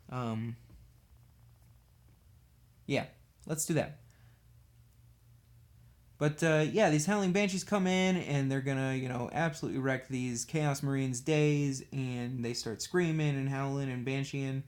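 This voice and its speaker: A man casually chatting on a livestream while painting miniatures, rambling and self-deprecating as he works. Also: medium pitch. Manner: talks absent-mindedly while working with a brush.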